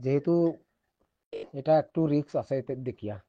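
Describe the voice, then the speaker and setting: On a dull-sounding recorded phone call, a man with a Sylheti-influenced eastern Bengali accent explains something informally. His voice is mid-range and his speed normal, and he repeats himself and checks that he's been understood.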